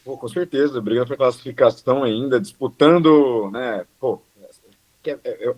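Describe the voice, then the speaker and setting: A man's voice: medium pitch, moderate pace, darkish tone, poor audio. A man, a radio show guest, giving short laid-back replies in casual chat. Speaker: guest co-host. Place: radio studio.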